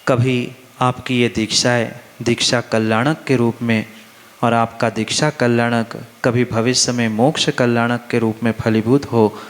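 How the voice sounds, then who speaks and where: In an unhurried, mid-range voice with little pitch movement, a Jain monk preaches to a festival crowd. He is emphatic and repetitive, often asking the audience questions. His sermon echoes with the long reverb of a large hall.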